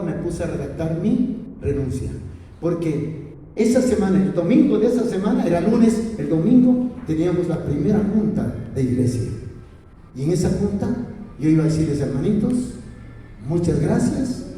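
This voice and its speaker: A Peruvian man preaches a heartfelt testimony in a high voice, rising into impassioned pleading when he quotes his prayers. He is heard from a distance in a church hall, and his words ring back with a heavy echo. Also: expressive, normal speed, mellow, slight background noise. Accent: Peruvian Spanish. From Peru. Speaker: church elder giving testimony. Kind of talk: emotional sermon testimony. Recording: echoey hall from far off.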